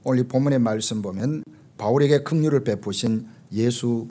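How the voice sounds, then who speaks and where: A middle-aged man, a pastor, preaching a sermon and telling stories full of acted quotes, pausing often on "uh". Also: mid-range voice, warm tone. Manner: storytelling with acted quotes, frequent "uh" fillers.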